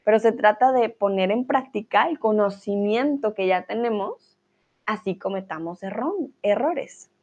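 A woman's voice: mid-range voice, lively intonation, unhurried, darkish tone. A woman teaching a live online language class, encouraging her viewers, reading and answering their comments with frequent small laughs. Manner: encouraging, laughs often, says "¿vale?".

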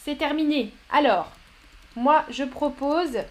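A woman's voice: high voice, slow, slight background noise. A woman hosting a live word game as a teacher, reading out chat answers and cheering viewers on. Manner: upbeat, encouraging, reads chat names aloud.

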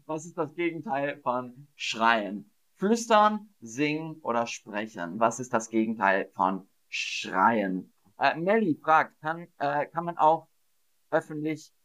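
A man teaching German on a live stream, slowly and patiently repeating words and praising his viewers. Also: medium pitch, fairly bright tone. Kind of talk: live-streamed vocabulary quiz. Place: streaming setup at home.

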